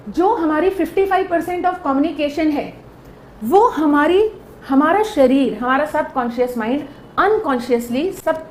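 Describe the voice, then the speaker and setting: A woman's voice: high voice, reverberant, slight background noise. A woman giving a lecture, explaining step by step and often checking in with her listeners. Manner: explaining with repeated check-ins. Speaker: teacher.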